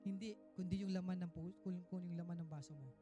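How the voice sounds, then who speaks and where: Male minister, very high voice, emphatic preaching that swells loud then drops soft, faint music under him. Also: fairly even intonation, fast talker. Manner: emphatic preaching, mixing Tagalog and English; rises to loud exhortation, drops to quiet asides. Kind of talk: sermon.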